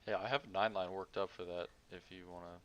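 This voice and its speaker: A man's voice: sits low, steady tone, fast talker, clear, resonant tone. A man on a headset handling radio calls in casual tactical chat during a military simulation game. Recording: faint background noise.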